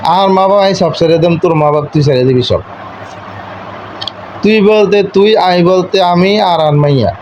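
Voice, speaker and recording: On a phone call, a young husband scolds his wife in an eastern Bengali regional dialect, his high, darkish voice moving at a measured pace. The informal argument finds him domineering, insistent and repeating himself. Audio is muffled, with a little faint noise.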